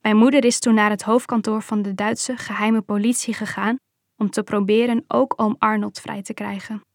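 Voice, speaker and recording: A woman reading a first-person memoir aloud in a calm, measured storytelling manner. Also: mid-range voice, no room sound, clean studio sound.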